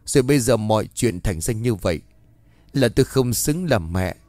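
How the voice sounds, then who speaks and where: A man's voice: on the low side, lively intonation, normal speed, a little mellow, no echo, natural voice. A man voicing a grief-stricken old mother who pleads and stammers through tears, in a told ghost story. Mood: anguished.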